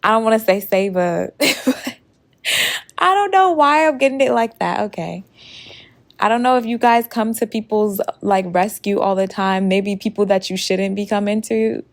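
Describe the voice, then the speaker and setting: A woman giving a casual intuitive reading to her viewers, chatty and quick to laugh, sometimes breaking into song lyrics. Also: mid-range voice. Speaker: tarot reader.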